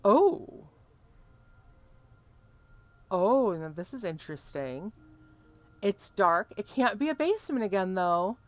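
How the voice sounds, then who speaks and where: Female streamer: casual playthrough commentary, mid-range pitch, reads on-screen options aloud. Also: very animated, takes it slowly, long pauses. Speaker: gaming streamer.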